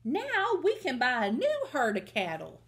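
A woman voicing a plucky young cowgirl who speaks in a bright, eager, raised voice. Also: sits high, huge pitch swings, measured pace, voice pushed up, exaggerated voice.

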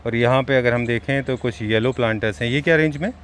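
A man's voice: medium pitch, fast talker, a little hiss or hum. Curious man touring a pottery yard. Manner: curious, asks prices, mixes English phrases into Hindi. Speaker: vlogger touring a pottery shop. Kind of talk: casual walkthrough chat.

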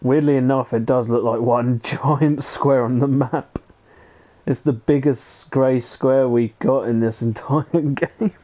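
A man's voice: medium pitch, steady tone, slow, warm tone. A man streaming a game with a friend, chatting casually and chuckling as he thinks aloud. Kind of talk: casual gaming chat. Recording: dull lo-fi stream audio.

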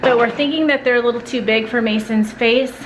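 A chatty woman in her thirties talks to a handheld camera for a family vlog, her voice on the higher side. She rambles along with plenty of fillers as she runs errands. Faint road noise hums in the background. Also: fairly even intonation, fairly quick. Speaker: family vlogger. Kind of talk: casual family vlog chat.

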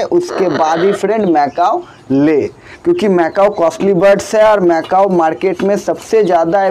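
Chatty young man with high voice. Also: warm tone. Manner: chatty, repeatedly addresses viewers as friend. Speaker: bird farm owner. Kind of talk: casual how-to vlog. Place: small room with blue walls, indoors.

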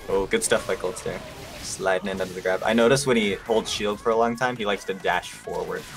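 A man's voice: sits low, fairly quick, creaky. A man co-casting a fighting game tournament, easygoing and chatty, laughing through his stories. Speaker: esports co-caster. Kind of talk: casual game commentary. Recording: music playing behind.

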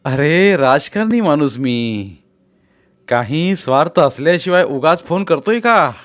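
A man's voice: on the high side, animated, a little slow, a bit bright. A man voicing a shrewd, persuasive male village politician who keeps pressing and teasing his friend in a read-aloud novel. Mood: coaxing, persuasive.

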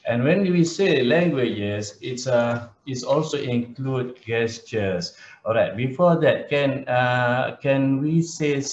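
A man's voice: medium pitch, slight background noise. A man giving an interactive online lecture, often repeating words and putting questions to the class. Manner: hesitant pauses, repeats words and asks questions. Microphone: webcam video call. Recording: roomy, dull video-call audio.

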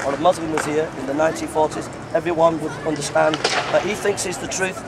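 A middle-aged male street preacher argues his point outdoors, firm and insistent, repeating himself as he cuts in. His voice is slightly high for a man. Clear street and traffic noise sits under him. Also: fairly even intonation, fast talker. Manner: assertive, keeps cutting in, repeats phrases. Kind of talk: street debate. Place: outdoor city square.

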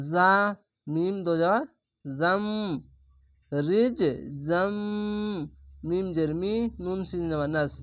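In a clean studio recording with no room sound, a high-pitched man teaches Quran reading. Slowly and methodically, he spells out each syllable letter by letter and explains the rules as he goes.

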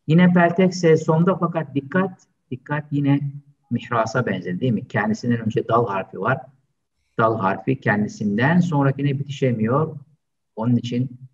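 A man teaching an online language lesson, slowly drilling pronunciation and patiently repeating each word several times. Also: mid-range voice. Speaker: Arabic teacher. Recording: distant, dull lo-fi sound.

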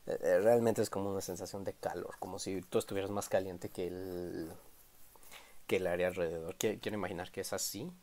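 A man's voice: low-pitched, steady tone, brisk, mellow. A man casually reviewing a manga chapter, rambling, stammering and correcting himself.

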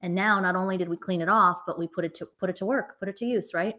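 A woman's voice: fairly low pitch, fairly even intonation, fast talker, bright, forceful tone. A woman in her thirties co-hosting a casual chat from a living room couch, teasing and chatty, often tagging lines with "right?". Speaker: co-host of a reselling channel.

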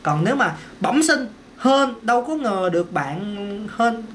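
A male voice teacher, talking through a casual singing lesson. His pitch swings up and down a lot as he explains, and he often repeats himself and tosses in quick "ok"s between points. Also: animated, a bit bright, a little hiss or hum. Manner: chatty, repeats words, peppers talk with "ok" and "đó". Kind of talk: casual vocal lesson to camera.

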